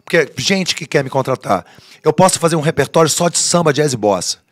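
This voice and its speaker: Man telling an animated story. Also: fairly high pitch, brisk. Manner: animated storyteller who acts out the people he quotes. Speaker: podcast guest, singer. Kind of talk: casual storytelling chat. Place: podcast studio.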